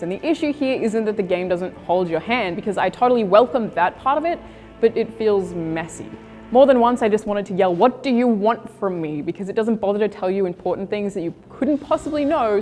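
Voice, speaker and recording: A woman's voice: mid-range voice, darkish tone. A woman reading scripted video game reviews and news as a presenter. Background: music.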